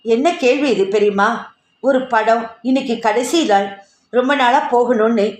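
A woman voicing a playful young man who teases gently and then reassures, read in a roomy space. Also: very high-pitched, normal speed. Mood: explaining. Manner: teasing, soothing.

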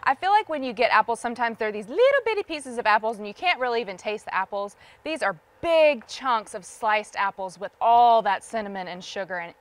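A woman from the States, a guest on a TV shopping show, warmly listing ingredients and gushing over her family's food in a studio kitchen. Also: a little high, expressive, a little fast, hardly any pauses. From Southern United States. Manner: enthusiastic, lists ingredients, gushes over the food.

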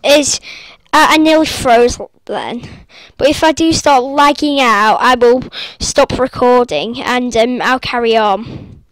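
A high-pitched woman rambles through her game commentary while sitting up in bed. She talks casually into her laptop, breaking into squeals and quick apologies. The sound is close and dry, with no room echo. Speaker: gaming vlogger. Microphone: laptop recording.

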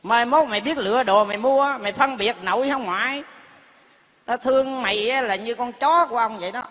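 A man's voice: very high voice, a little fast. A man doing a bossy old grandpa. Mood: bossy teasing. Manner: bossy, teasing, calls the girl "mày". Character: cranky old grandpa who loves foreign things. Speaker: comedian in a stage skit. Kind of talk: live stage comedy sketch. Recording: live stage with hall reverb and faint noise.

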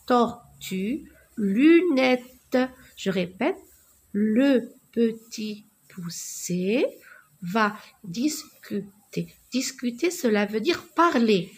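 A woman teaching young children to read, slowly repeating words and sounding out letters. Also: a little high, expressive, a little mellow, breathy edge. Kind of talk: reading lesson for young children.

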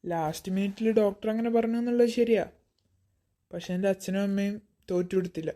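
Give me a woman voicing a calm, reassuring cartoon teenage boy. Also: medium pitch, quick pace, close to an everyday voice. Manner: calm, reassuring, softly teasing. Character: calm teenage boy returned after an accident. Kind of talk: cartoon voice acting.

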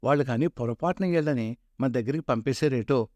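A man's voice: mid-range voice, a little fast, a little mellow, no echo, lo-fi sound, natural voice. A man voicing a rude, sneering male office peon who mocks people in a North Coastal Andhra dialect. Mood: mocking. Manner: mocking, scornful.

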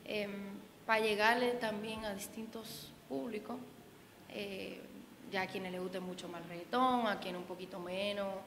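A young woman singer from the Dominican Republic, with a Dominican Spanish accent, chats in a casual interview packed with fillers and restarts. Her mid-range voice is steady, unhurried, and fairly bright. The audio comes from the interviewer's handheld mic in an echoey indoor event room, with faint noise.

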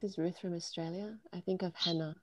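A woman's voice: fairly low pitch, fairly even intonation, fast. A woman taking part in an online group discussion over a video call, answering briefly and plainly. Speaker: participant.

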